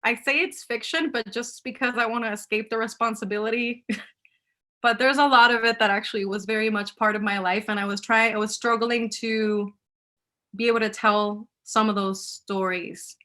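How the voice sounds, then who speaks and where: Her voice sits a little high, with fairly even intonation, a moderate pace and a bright, forceful tone. An author from Puerto Rico, she answers audience questions in a relaxed live Q&A over video call, laughing frequently and sprinkling in Spanish.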